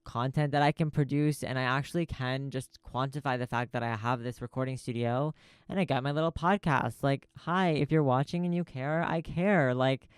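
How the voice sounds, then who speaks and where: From a small recording studio, a podcast host delivers a casual, rambling monologue, swearing freely and hopping between thoughts in a long info dump. His middle-pitched voice is smooth and resonant, recorded dry and close at a moderate pace with no room sound.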